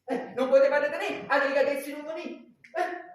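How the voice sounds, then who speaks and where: A man's voice: high voice, big pitch swings, normal speed, darkish tone. A man with a Neapolitan accent playing a flustered, evasive philandering doctor in a dialect stage farce, stammering and repeating himself. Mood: exasperated. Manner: stammering, repeating words as he makes excuses. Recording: echoey stage, distant mic, faint noise.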